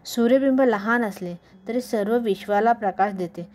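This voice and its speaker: A woman's voice: fairly high pitch, moderate pace, darkish tone, lightly acted. A woman reading as a bold, defiant male sage. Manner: firm, challenging. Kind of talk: devotional scripture reading.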